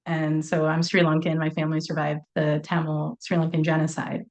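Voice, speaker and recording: A woman's voice: low voice, completely flat delivery, a little fast, darkish tone. A woman speaking as a panelist at an online forum, talking in a chatty, informal way with many fillers, heard over a video call. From United States.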